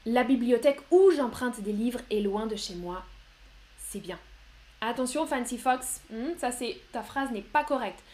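A woman's voice: on the high side, lively intonation, a little slow, darkish tone, a little hiss or hum. A woman teaching grammar in a live online lesson, patient and encouraging as she answers viewers one by one. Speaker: French teacher.

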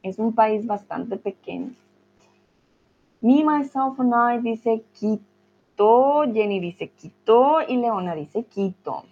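A woman with a Colombian accent teaching a live online class, friendly and encouraging, speaking slowly and clearly. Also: fairly high pitch, expressive, a little mellow, muffled recording.

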